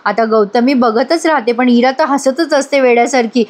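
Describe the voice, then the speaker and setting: A woman's voice: a little high, moderate pace, a little mellow. A woman narrating a voice-over review of a TV serial episode. She speaks straight to her viewers and reads out each character's lines herself.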